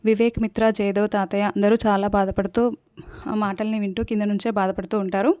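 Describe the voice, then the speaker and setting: A woman's voice: mid-range voice, flat delivery, brisk, a little mellow, clear, resonant tone, dry recording. Female recap narrator, plain storytelling, dry close sound.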